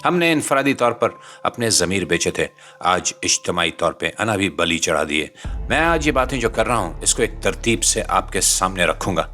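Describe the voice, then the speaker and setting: A Pakistani man presenting a channel delivers scripted political commentary with indignant, dramatic rhetoric and formal, literary phrasing. His voice is low, bright and forceful, with a Pakistani accent.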